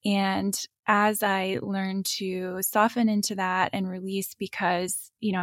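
A woman guest talking through ideas in a thoughtful, unhurried way, with frequent fillers. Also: medium pitch, gravelly, no echo, clean studio sound. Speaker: guest, spine and energy teacher. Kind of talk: reflective interview talk.

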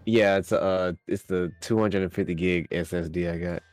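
Deep-voiced, blunt man. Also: steady tone, moderate pace, darkish tone. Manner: blunt, profane, complaining. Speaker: podcast guest. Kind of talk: casual chat.

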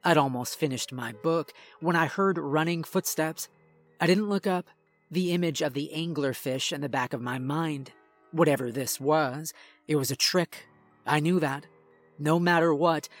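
Male horror narrator, higher voice, tense and measured, faint music bed. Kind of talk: first-person horror story narration.

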